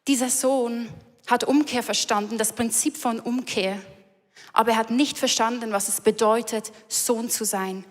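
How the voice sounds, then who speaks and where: A woman with a slightly high, fairly even voice preaches a sermon at normal speed, her words reverberating through a large church hall. She delivers it earnestly and emphatically, repeating her key lines.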